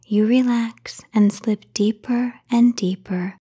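Slow, soft-whispering woman sleep guide. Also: a little high, fairly even intonation, breathy edge. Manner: slow soothing whisper with long pauses.

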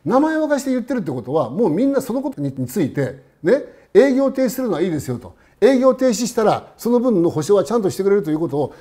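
A man giving an animated storytelling lecture, acting out the quotes and asking rhetorical questions. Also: high voice, quick pace, hardly any pauses.

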